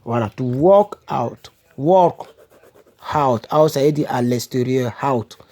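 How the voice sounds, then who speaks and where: Speaking slowly in a mellow, medium-pitched voice, a man teaches English vocabulary to French speakers in a casual home-made lesson. He says words more than once, self-corrects as he goes, and checks in with "ok?" and "n'est-ce pas?".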